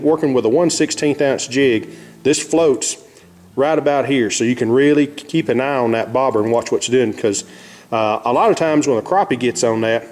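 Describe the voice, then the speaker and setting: A man's voice: mid-range voice, a little mellow. A man with an Arkansas Southern accent giving a casual, folksy, plain-spoken how-to demonstration as host of a fishing vlog. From Arkansas, United States.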